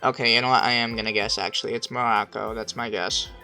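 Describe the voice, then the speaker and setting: A man streaming a game, thinking aloud, swearing constantly, second-guessing himself and bursting into loud excited shouts. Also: fairly low pitch, fast, soft background music. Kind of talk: casual gameplay commentary.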